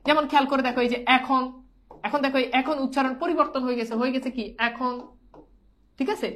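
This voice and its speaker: A woman's voice: high-pitched, fairly even intonation, fast talker, a bit bright. A woman teaching a pronunciation lesson, repeating herself and coaxing students to say whether they understand. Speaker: Bangla teacher.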